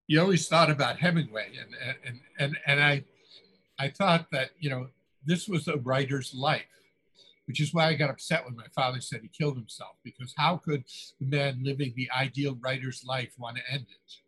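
An older man speaks as a guest author, unhurried and reflective. He drifts through his stories with small chuckles and fillers, his pitch sitting in an ordinary middle range. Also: a bit bright, slightly rough, low-quality recording. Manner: musing, chuckles often, trailing fillers. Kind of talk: reflective interview storytelling.

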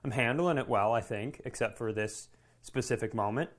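A medium-pitched man speaking at a moderate pace hosts a comedy podcast. He spins a casual, animated, profane story, performing the lines of dialogue himself.

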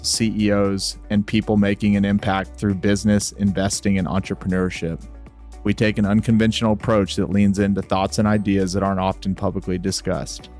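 A man's voice: lowish voice, darkish tone. A man hosting an interview podcast. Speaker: podcast host.

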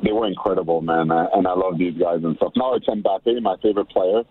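A man calling in as a guest on sports talk radio, excitable, often repeating himself and starting over. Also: sits low, brisk, slightly rough, dry recording. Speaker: radio show guest analyst. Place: in Montreal. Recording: tinny phone line.

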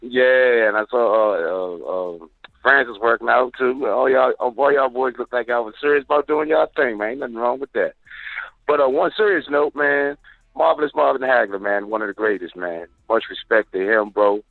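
A man calling in over the phone to a talk show, sharing boxing opinions in a relaxed, repetitive way. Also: mid-range voice, moderate pace, vocal fry, no room sound. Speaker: call-in caller. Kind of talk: casual boxing opinion call. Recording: dry tinny phone line.

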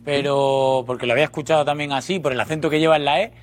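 A man with a Spanish accent, a panelist on a sports talk show, explaining a point in a measured way. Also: on the high side, fairly even intonation, slight background noise. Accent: Spanish from Spain. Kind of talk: studio discussion.

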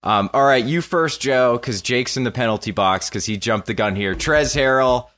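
A man's voice: medium pitch, moderate pace, fairly bright tone. A man hosting a casual sports podcast, joking with his co-hosts and laughing often as he runs the segment. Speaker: podcast host.

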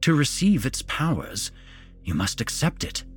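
A man voicing a sinister middle-aged father turned fanatic, who speaks calmly and smugly while preaching with menace. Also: medium pitch, a little slow, husky, faint music behind, voice pushed up, heavily acted. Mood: zealous. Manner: calm, smug, menacing preaching.

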